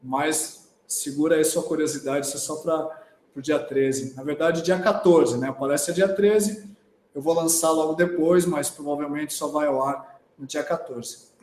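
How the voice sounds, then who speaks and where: With a Brazilian Portuguese accent, this singer and voice teacher gives a chatty live talk, dropping "né?" at the end of many sentences. He sounds a little high and somewhat mellow, keeping a steady tone and moderate pace, with a roomy sound and faint background noise.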